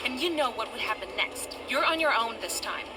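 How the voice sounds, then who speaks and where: A woman's voice: a little high, lively intonation, brisk, close to an everyday voice. A woman playing a tough, sarcastic young girl vigilante in a video game, with a commanding, sardonic manner. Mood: stern. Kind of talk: video game cutscene acting. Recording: loud music behind the voice. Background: loud game music.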